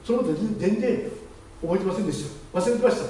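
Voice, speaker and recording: A man, the pastor, giving a lively testimony sermon and acting out the voices of the people in his story. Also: high-pitched, fast. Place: church chapel. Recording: very echoey hall, distant mic, faint noise.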